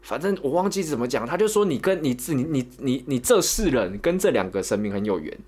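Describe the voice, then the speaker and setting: A young man with a Taiwanese Mandarin accent tells a long story in rapid-fire bursts, tripping over repeated words. His voice sits at a middle pitch, and he is animated whenever he retells what others said. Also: slightly rough. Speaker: podcast co-host. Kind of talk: casual storytelling chat.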